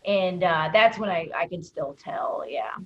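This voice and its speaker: A woman talking in a casual video call discussion, rambling with many fillers and sometimes trailing off quietly. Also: on the low side, unhurried, muffled recording. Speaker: comedian and guest.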